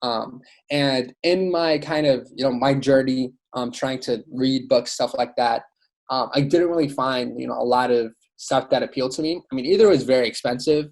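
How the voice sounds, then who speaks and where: As a podcast guest in a casual interview, this young Iraqi-born student author and educator speaks with enthusiasm, leaning heavily on "like" and "you know". His mid-range voice is a little mellow and keeps a moderate pace.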